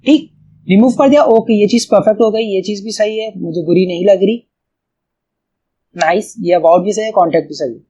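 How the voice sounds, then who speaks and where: The speaker is a Pakistani man whose high, mellow voice carries a breathy edge and moves a little fast. Speaking with an Urdu accent, he casually thinks aloud through a screen-recorded coding tutorial and keeps calling the viewer "bhai."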